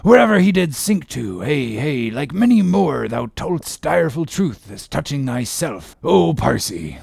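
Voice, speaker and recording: A man voicing an old, obsessed sea captain, defiant and brooding, with a gravelly, husky voice and declamatory archaic speech. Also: fairly high pitch, sing-song, a little slow, darkish tone, no echo, pitched above the performer's own voice, full character voice. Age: older.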